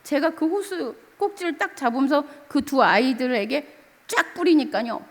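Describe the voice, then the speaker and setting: A woman's voice: high voice, big-room sound. A middle-aged woman pastor preaching a sermon, telling a story and asking the congregation for amens. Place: church sanctuary.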